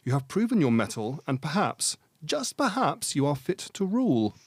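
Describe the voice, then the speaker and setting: A man voicing a formidable aging queen in a tabletop game, with formal, measured royal speech. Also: medium pitch, very animated, a little mellow, no echo. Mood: regal.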